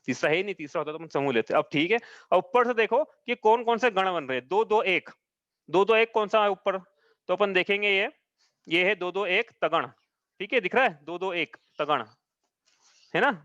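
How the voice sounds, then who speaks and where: A man's voice: high voice, lively intonation, normal speed, fairly bright tone, no room sound. A man teaching an online class over a video call, explaining patiently step by step and often checking that his students follow. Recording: dull dry online-call audio.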